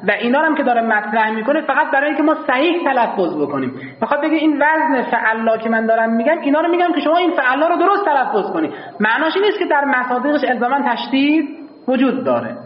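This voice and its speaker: A man teaching a grammar class, explaining patiently to his students and slowly chanting lines of classical verse. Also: very high voice, sing-song, echoey room, in a large hall, muffled recording. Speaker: seminary teacher of Arabic grammar. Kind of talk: classroom lecture.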